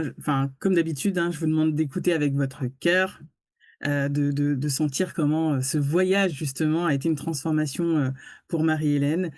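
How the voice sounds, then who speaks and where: Soft-spoken, halting woman host. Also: low voice, dry recording. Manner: gentle, reflective, with frequent hesitations. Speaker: interviewer and host. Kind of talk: warm interview introduction.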